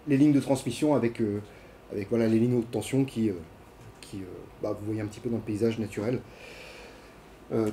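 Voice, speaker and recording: Speaking warmly in a mid-range voice over slight background noise, a man lectures informally to students in a lecture hall. As a university lecturer, he restarts often, uses many fillers and keeps asking the class questions.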